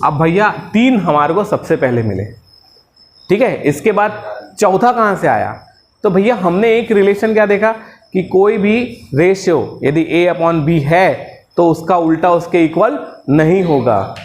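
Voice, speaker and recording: A man's voice: high-pitched, lively intonation, a little slow. A man teaching a class. He jokes around, calls his students "beta" and keeps checking with them, "hai na?". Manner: jokey, keeps asking "है ना?" and calls students "बेटा". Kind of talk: classroom lecture.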